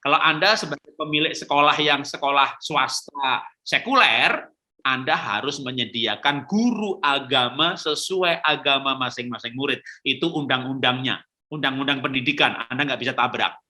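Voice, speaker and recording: A middle-aged man pastor answering questions on raising children in a lively storytelling manner, acting out quoted lines. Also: medium pitch, moderate pace.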